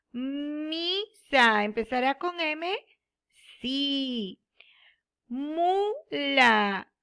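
Woman, from Peru, teacher, remote lesson for small children, high voice, very slow drawn-out words. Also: creaky, fairly bright tone. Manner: slow, drawn-out word repetition with encouraging praise. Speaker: primary school teacher.

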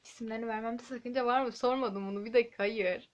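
Teen girl vlogger, rapid chatty storytelling, slightly high voice. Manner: chatty, animated storytelling with asides. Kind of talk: casual chat to camera. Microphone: handheld camera.

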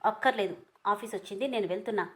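A woman voicing a stubborn, sharp-tongued young woman who keeps snapping back. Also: mid-range voice, rapid-fire, natural voice. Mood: curt. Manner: snappy, irritated retorts.

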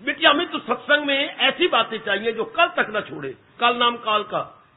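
Male spiritual teacher, high voice, animated storytelling sermon, tinny phone-like recording. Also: normal speed. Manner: animated, acts out dialogue in stories, addresses listeners as son and daughter. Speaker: spiritual teacher giving satsang.

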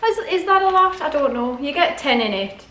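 A woman in her forties vlogs a grocery haul in her home dining room, chatting casually to camera and often questioning herself aloud. Her high voice is fairly quick, bright and forceful with lively intonation, and the room echoes with clear background noise.

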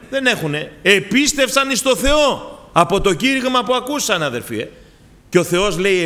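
A man's voice: high-pitched, a bit bright. A man from Greece preaching a fervent sermon, often calling out to the congregation as brothers.

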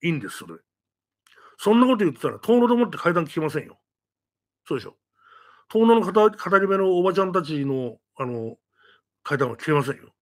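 Telling ghost stories, a man addresses his audience in an animated announcement, his high voice swinging widely up and down. He speaks casually and fairly quickly, broken by long pauses, and keeps tossing rhetorical questions at his listeners.

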